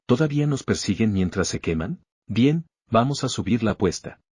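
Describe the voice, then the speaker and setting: A man's voice: fairly low pitch, lively intonation, moderate pace, darkish tone, breathy edge, dry recording, clean studio sound. A man reading a brash explosives-mad dad. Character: reckless, cheerful middle-aged father who loves explosives.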